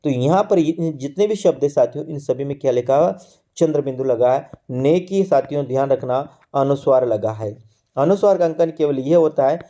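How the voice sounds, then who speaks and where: Very dark-voiced male grammar teacher. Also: medium pitch. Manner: repetitive, quizzes the class with call-and-answer questions; slows down to stress key terms. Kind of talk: exam-prep grammar lesson.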